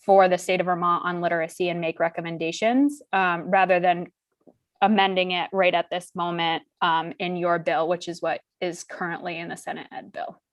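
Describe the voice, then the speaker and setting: Woman witness, measured and explanatory, lowish voice, dry close sound. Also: flat delivery, no room sound. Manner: measured, explanatory, frequent ums. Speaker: witness testifying to committee. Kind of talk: committee testimony.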